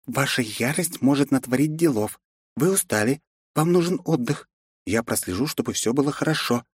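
A man reading an audiobook, voicing a shy female cat companion who pleads timidly and softly. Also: a little high, a little fast, no echo, clean studio sound, pitched above the performer's own voice, lightly acted. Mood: soothing. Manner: timid, soft.

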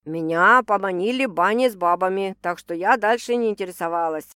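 A woman's voice: mid-range voice, a little fast, a bit bright, clear, resonant tone, dry recording, lightly acted. A woman voicing a blunt, crude, indignant young woman among friends, in a dry recording. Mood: brash. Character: brash, sharp-tongued young woman who drinks.

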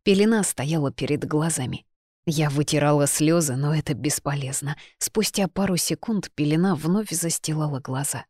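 A woman narrating a first-person audiobook in a slow, measured, subdued way. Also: low voice, darkish tone, dry recording, clean studio sound.

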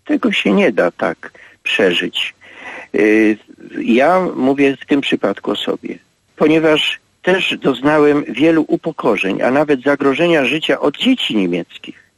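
A priest in his eighties giving a radio interview, speaking slowly and reflectively with halting pauses. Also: medium pitch, big pitch swings, gravelly, dry recording, poor audio. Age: 80s. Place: radio studio.

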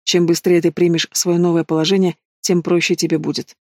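A man voicing a domineering, possessive mobster in an audiobook, speaking low and mocking. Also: flat delivery, brisk, a little mellow, no room sound, studio quality, natural voice. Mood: menacing.

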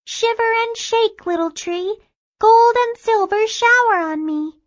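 A woman's voice: very high voice, measured pace, pitched above the performer's own voice. A woman doing a sing-song young Cinderella. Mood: chanting.

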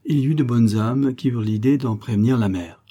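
A man narrating a novel in a steady, measured reading. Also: medium pitch. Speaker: audiobook narrator. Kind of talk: scripted narration.

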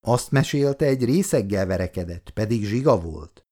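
A man's voice: expressive, darkish tone. A male reader voicing a fierce, emotional elderly mother who scolds her grown sons. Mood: scolding. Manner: scolding, shrill outbursts.

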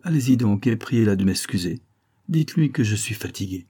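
A man reading aloud voicing a reserved, troubled woman who speaks in a quiet, restrained way. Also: on the low side, animated, brisk, husky. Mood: composed.

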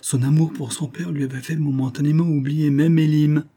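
A man narrating a classic novel as an audiobook, measured and dramatic. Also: on the high side, steady tone, mellow. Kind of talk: scripted literary narration.

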